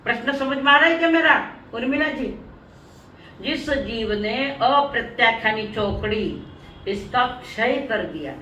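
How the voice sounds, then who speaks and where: A woman teaching a religious lesson to an online class. She speaks slowly and deliberately, repeats her points and calls on her students by name. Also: fairly high pitch, bright, forceful tone, roomy sound, distant mic, a little hiss or hum, low-quality recording.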